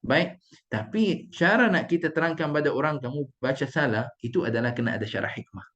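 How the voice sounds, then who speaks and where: A man teaching Quran recitation in an online class, patiently drilling letters and repeating them slowly. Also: a little high, lively intonation, fairly bright tone. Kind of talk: online tajwid lesson.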